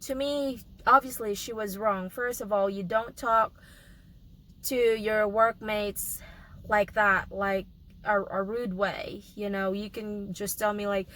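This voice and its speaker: A young adult woman with a hoarse voice from a cold, coughing now and then, giving a casual vlog update in a halting way with many pauses and restarts. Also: medium pitch, steady tone, pushed and bright, rough recording. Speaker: vlogger.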